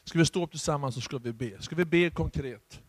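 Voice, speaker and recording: Swedish male pastor, charismatic sermon, high-pitched, dry close sound, hushed asides rising to loud exhortation. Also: dry recording.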